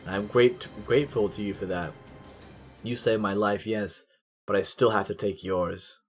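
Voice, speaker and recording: A man reading as a quiet, remorseful young knight. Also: lowish voice, steady tone, moderate pace, soft background music, close to an everyday voice. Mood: solemn.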